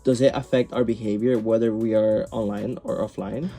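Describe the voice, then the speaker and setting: A man asking prepared interview questions in a measured, formal way. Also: fairly low pitch, fairly even intonation, warm tone, faint music behind.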